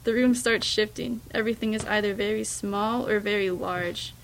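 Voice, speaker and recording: A woman reading a first-person story aloud, in a hushed, reflective way with small slips and restarts. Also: medium pitch, steady tone, normal speed, creaky, a little hiss or hum, poor audio. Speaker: reader.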